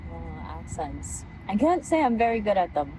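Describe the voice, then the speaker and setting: A woman's voice: medium pitch, sing-song, normal speed. A woman chatting casually and laughing often, recorded outdoors in a park. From United States. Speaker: guest, voice actress. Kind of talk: casual chat. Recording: outdoor recording with clear background noise and traffic.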